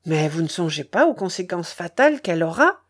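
A woman's voice: lowish voice, very animated, brisk, pitched below the performer's own voice. A woman doing a flustered, pleading baron. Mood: protesting. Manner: stammering, protesting.

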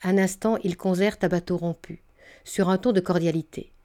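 Mellow-voiced woman reading a novel. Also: lowish voice, steady tone, fairly quick. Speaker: audiobook narrator. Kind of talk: literary audiobook reading.

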